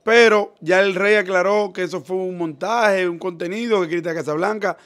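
A man with a high voice hosts a casual interview. He drops in short remarks while his guest talks. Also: fairly even intonation, moderate pace, fairly bright tone. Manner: short interjections, then a scripted wrap-up. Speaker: show host.

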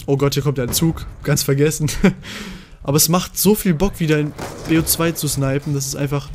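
A young man giving live gameplay commentary as a gaming video host, excitable and swinging from mutters to shouts. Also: on the high side, normal speed, slight background noise.

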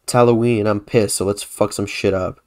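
A man's voice: lowish voice, steady tone, fairly quick, a little mellow, no room sound, studio quality, natural voice. A man voicing a drunk young male troublemaker, crude and slurring in a spoken horror story. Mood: rowdy.

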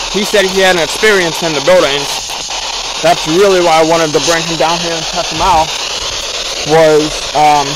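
A young man talks casually into a camera held close as he walks through woods and ruins. His voice sits a little high, and he rambles along with many fillers. Loud static hiss runs under everything he says. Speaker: paranormal explorer vlogger. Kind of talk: casual walking vlog narration. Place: outdoors in woods and abandoned buildings. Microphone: action camera held or worn close. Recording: loud background noise from a device. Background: constant static hiss from a spirit box.

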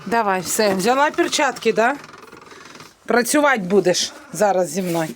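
Middle-aged woman, casual family vlogger, outdoors in a village, mid-pitched, homely chatter. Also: expressive, normal speed, slight background noise. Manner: chatty, homely, shows things to camera. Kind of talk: casual vlog narration.

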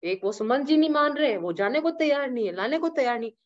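A woman's voice: sits high, expressive, fast talker, pitched above the performer's own voice. A woman voicing an exasperated, loyal young man complaining to his elder brother, in a dull lo-fi recording.

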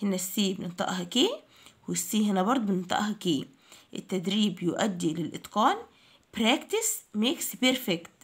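Lively Egyptian woman teaching vocabulary. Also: mid-range voice. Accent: Egyptian Arabic. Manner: slow, drawn-out repetition of each word, spelling letter by letter. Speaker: English teacher. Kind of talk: Egyptian Arabic vocabulary lesson for children.

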